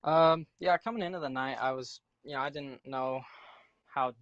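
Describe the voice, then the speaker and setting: A man's voice: medium pitch, normal speed, fairly bright tone, no echo, dull audio. A man talking casually over an online voice chat, hesitant with many fillers, his volume rising and dropping as his mic cuts out. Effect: uneven volume from a cutting-out mic. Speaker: league racer being interviewed. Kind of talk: casual post-race interview.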